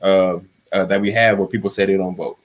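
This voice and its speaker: A man's voice: low voice, fairly even intonation, brisk. A man, a voter outreach organizer, explaining things in casual chat and checking in with his listeners.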